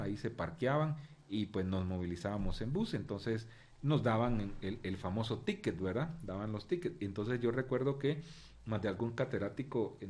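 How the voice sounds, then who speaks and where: A man's voice: fairly low pitch, a little mellow. A middle-aged man lecturing a university journalism class, talking casually and repeatedly checking in with tag questions and fillers.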